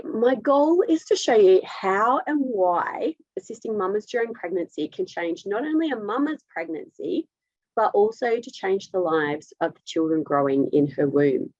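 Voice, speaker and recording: A woman's voice: mid-range voice, darkish tone, no room sound, muffled recording. An Australian woman, a dietitian, giving a live webinar presentation over a video call in an upbeat, direct, chatty way.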